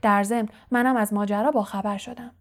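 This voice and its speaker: A woman voicing an earnest teenage boy in an audiobook, speaking quickly and quietly. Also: mid-range voice, fairly even intonation, natural voice. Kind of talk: audiobook character voice.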